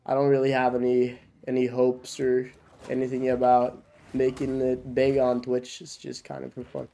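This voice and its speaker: This young Norwegian streamer has a cough and chats casually with his viewers mid-game, with plenty of fillers and restarts. He speaks in a mid-range, mellow monotone at a moderate pace, with some vocal fry.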